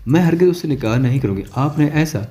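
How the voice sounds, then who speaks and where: A man's voice: a little high, expressive, fast talker, dark tone, faint music behind, lightly acted. Defiant young daughter, voiced by a man; protesting, indignant storybook reading.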